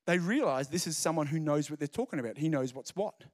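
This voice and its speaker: A young man giving a lively, jokey evangelistic talk, telling stories and repeating key phrases. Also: on the high side, fast talker. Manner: animated storyteller, jokey asides, repeats phrases. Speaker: speaker explaining Christianity.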